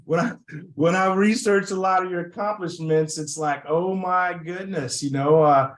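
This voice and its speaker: A podcast host, a man with a fairly high voice, gushes and rambles through his questions. The room around him rings with echo. His tone stays eager and wordy. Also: steady tone, normal speed. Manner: effusive, rambling, repeats "oh my gosh". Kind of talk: interview host. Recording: roomy echo.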